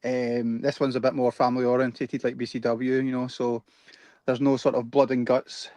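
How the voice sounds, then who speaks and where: A man in a casual chat, talking haltingly and repeating "eh, what was it". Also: medium pitch, flat delivery, darkish tone, no echo. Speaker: guest co-host.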